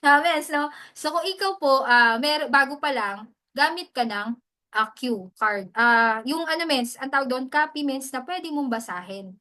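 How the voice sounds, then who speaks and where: Bright-voiced Filipina mentor, chatty. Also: female voice, high voice, lively intonation, a little slow. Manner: chatty, mixes English into Tagalog, often adds "mens". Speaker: hosting mentor. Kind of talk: casual teaching talk.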